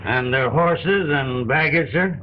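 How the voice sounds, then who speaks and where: An actor playing a blunt, dutiful general in an early talkie film, formal, clipped and respectful. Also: male voice, on the high side, slow. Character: blunt, dutiful army general reporting to his president. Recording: tinny, noisy early sound film track.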